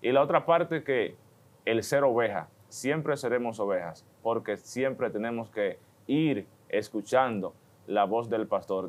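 Man explaining the Gospel step by step. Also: fairly low pitch. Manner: thoughtful, explaining step by step with "entonces". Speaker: vocation panelist on a religious TV program.

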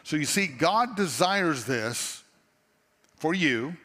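A man's voice: on the high side, animated, takes it slowly, a bit bright. A middle-aged man with a Texan accent preaching a sermon on a church stage in an earnest, conversational storytelling manner, often restarting his phrases, through a headset mic. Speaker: pastor. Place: large church stage before a seated audience. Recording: long hall reverb from a church auditorium.

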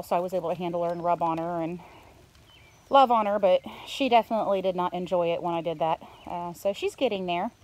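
A middle-aged woman with a fairly low, slightly mellow voice chats her way through a farm video update, rambling while she points her handheld phone at the coops and pens. She stays behind the camera, and the outdoor recording is noisy with animal sounds and farm ambience.

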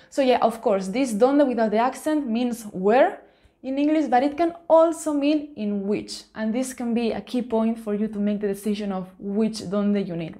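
A woman's voice: fairly high pitch, mellow. A woman with a Spanish accent teaching a language lesson, explaining carefully and switching between two languages. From Spain.

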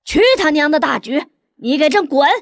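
A furious, blustering emperor, voiced by a woman reading a novel aloud, barks orders and scolds his grown sons. The voice sits high and the recording is dry and close. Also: lively intonation, normal speed, no echo, close to an everyday voice. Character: angry middle-aged male emperor, hot-tempered father. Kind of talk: audiobook character voice.

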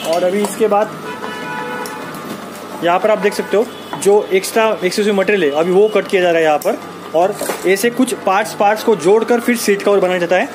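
A man's voice: high-pitched, fairly quick. A young man guiding viewers through a workshop in casual tour narration, upbeat and talking straight to the audience. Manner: upbeat, addresses viewers directly. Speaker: vlogger touring a workshop. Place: busy car seat cover workshop, indoors. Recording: loud background noise in a workshop.

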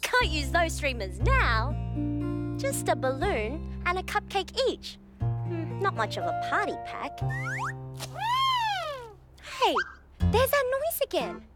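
Very high-pitched, animated young woman. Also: takes it slowly, pauses often. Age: young adult. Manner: animated, exaggerated exclamations. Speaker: children's show presenter. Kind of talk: scripted, playful talk to young children. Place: TV studio kitchen set. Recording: music behind the voice.

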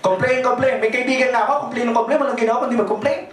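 A man with a Filipino accent giving a lively, joking motivational sales presentation, drawing call-and-response from the audience in a large hall. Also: extremely high pitch, rapid-fire, faint music behind. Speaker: business presenter. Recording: echoey hall, mic at a distance.

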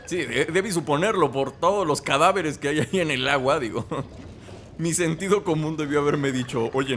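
A man's voice: on the high side, noisy background. A young man with a Mexican accent, commenting playfully on a game he is playing and joking with its characters. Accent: Mexican Spanish. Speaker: gaming commentator. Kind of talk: let's play commentary. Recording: game music loud behind voice. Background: video game music and sounds.

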